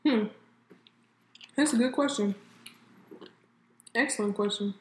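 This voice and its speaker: A woman from California co-hosting a casual chat, chatty and quick to laugh, talking to viewers as y'all. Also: on the high side. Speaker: co-host. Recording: echoey room with faint ambient noise.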